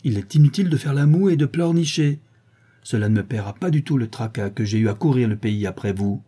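A man's voice: on the low side, expressive, moderate pace, warm tone, husky. A man reading aloud and voicing a stern middle-aged housekeeper who scolds a runaway girl sharply. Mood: scolding.

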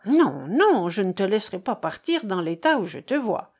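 A woman's voice: medium pitch, sing-song, moderate pace, darkish tone. A woman voicing an earnest young protector. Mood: earnest comforting. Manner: earnest, comforting.

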